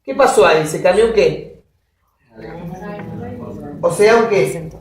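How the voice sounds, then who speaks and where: A woman giving a university lecture, often checking that her students follow with quick questions. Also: lowish voice, crowd noise. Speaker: linguistics lecturer. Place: classroom. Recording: roomy classroom audio from a distance.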